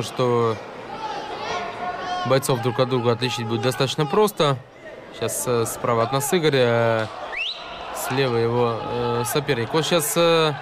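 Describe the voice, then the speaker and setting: A male MMA commentator from Russia calls the fight live in a mid-pitched voice. His phrasing is halting and broken by pauses. A loud crowd and heavy venue noise surround him.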